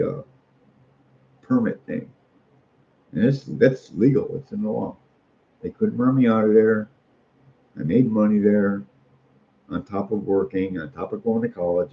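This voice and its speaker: This street artist, a middle-aged American man, talks in a lowish voice with a gravelly fry, rambling along in a folksy, opinionated monologue. He leans on repeated phrases for emphasis. It's captured on muffled lo-fi audio carrying faint noise.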